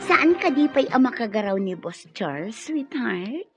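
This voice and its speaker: An actress playing a coy, conniving villain's sweetheart in a radio drama, sly and teasing, with a Filipino accent. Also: female voice, fairly high pitch, very animated, unhurried, lo-fi sound, music in the background. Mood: conniving, amused. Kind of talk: Ilocano radio drama acting.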